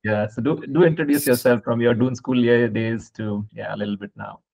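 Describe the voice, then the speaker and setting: A man hosting a podcast, asking long, winding questions in a measured conversational way, on slightly muffled audio. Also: mid-range voice, fairly even intonation, gravelly, a little mellow. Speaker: podcast host. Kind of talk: conversational interviewing.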